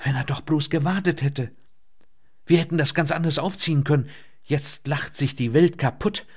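A man's voice: a little high, moderate pace, voice pushed up. A man reading the part of a pale, distraught chief archivist who groans and then grows agitated in an audiobook. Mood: groaning lament.

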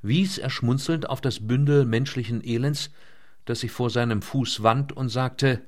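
A man reading a novel aloud in a measured, scripted way, slowing down on key words. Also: medium pitch, darkish tone. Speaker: audiobook narrator. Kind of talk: scripted narration.

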